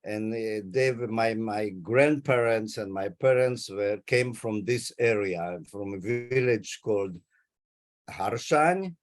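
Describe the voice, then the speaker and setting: In a video call interview, a Hungarian man in his eighties, a Holocaust survivor and native Hungarian speaker, carefully recounts his family history. His voice sits fairly low and he speaks slowly.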